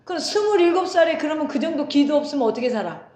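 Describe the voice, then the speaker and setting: A woman pastor in her forties preaches in a high, bright voice, chatting with the congregation and firing questions at them. She slips into stories and laughs along the way. Her voice rings around an echoey church sanctuary. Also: animated, fast talker. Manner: conversational, asks the congregation questions, tells anecdotes with laughter. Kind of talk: sermon.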